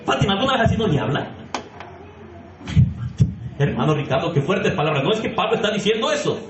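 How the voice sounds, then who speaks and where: A man's voice: sits high, very animated, fairly quick, reverberant, highs cut off, background noise. A man preaching a sermon as pastor, emphatic and questioning the congregation directly. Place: church sanctuary.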